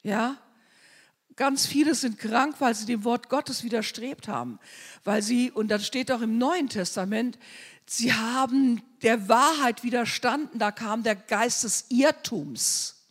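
Husky fervent woman preaching in a hall. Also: on the high side, a little slow. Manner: fervent, swinging between loud declarations and hushed asides. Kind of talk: sermon. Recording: long hall reverb.

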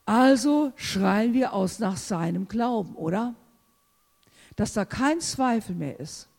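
A preacher giving an impassioned sermon, swinging from loud exclamations to hushed asides. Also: medium pitch, expressive, takes it slowly, creaky, in a large hall.

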